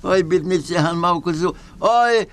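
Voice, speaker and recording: A man's voice: sits high, unhurried. A man voicing a pleading, exclaiming village peddler with a Galician western Ukrainian accent in a folk puppet play. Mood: anxious, then relieved. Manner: exclaiming, folksy, appealing to the crowd. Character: pleading, wheedling village peddler trying to sell his goat. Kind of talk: folk puppet theatre performance.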